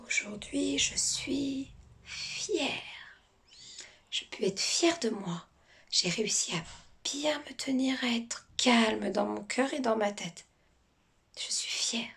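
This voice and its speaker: A woman voicing a little fish that tells its feelings, in whispered role-play, slow, soft and drawn out. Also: fairly high pitch, animated, exaggerated voice. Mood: hushed.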